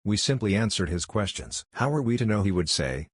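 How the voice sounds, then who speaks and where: A man giving a steady, measured scripted reading of scripture, reading the quoted speech with little change of voice. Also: fairly low pitch, slightly rough, no room sound, clean studio sound. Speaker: Bible reader.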